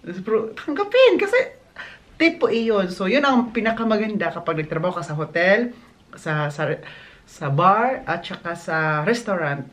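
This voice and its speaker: A man's voice: high-pitched, big pitch swings, moderate pace, a bit bright. Filipino guy vlogging from his hotel job, chatty, acts out the guests' lines, phone mic. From Philippines. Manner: chatty, mixes English into Tagalog, acts out quotes. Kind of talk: casual vlog chat. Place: hotel, indoors.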